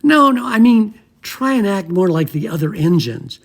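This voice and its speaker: A seasoned old steam engine, as a man plays him gives wry advice in a gravelly, husky voice. His pitch rises and falls freely, and faint music sits under the fan audio drama. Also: expressive, normal speed, full character voice. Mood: advising.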